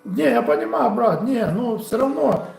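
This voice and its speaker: In a relaxed live stream from his home, a boxing coach in his forties with a Ukrainian accent warmly answers chat questions off the cuff. His very high voice is expressive and darkish, with vocal fry, at a normal speed. The audio is poor and roomy, with soft music in the background.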